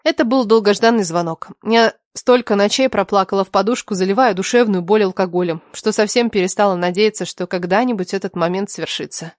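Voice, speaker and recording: Female audiobook narrator, mid-pitched voice, expressive storytelling, dry close recording. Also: fairly quick, few pauses, no room sound. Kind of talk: scripted first-person narration.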